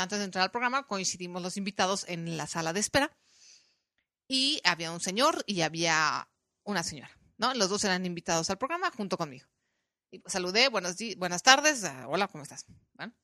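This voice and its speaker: A Mexican woman hosts her podcast in a casual, chatty way, slipping into little voices as she retells what people said. Her voice is bright and forceful, and the sound is close and dry. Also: medium pitch, no echo. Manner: animated storytelling, acting out quoted voices. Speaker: podcast host. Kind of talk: casual chat.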